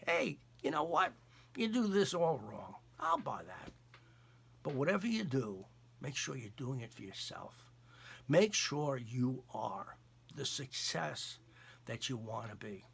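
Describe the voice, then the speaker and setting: An older man with a New York accent delivers a motivational sales talk in a bright, gravelly voice with a husky edge. He speaks emphatically, repeats his points, and swings his pitch widely. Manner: emphatic, repetitive, animated. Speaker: podcast host and sales trainer. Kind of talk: motivational monologue.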